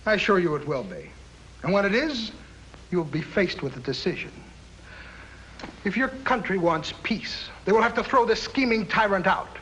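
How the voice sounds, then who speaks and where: An actor playing a smug, scheming foreign diplomat in a 1950s radio drama. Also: male voice, sits high, very animated, moderate pace, a bit bright, slight background noise, poor audio. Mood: accusing. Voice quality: smug, mocking.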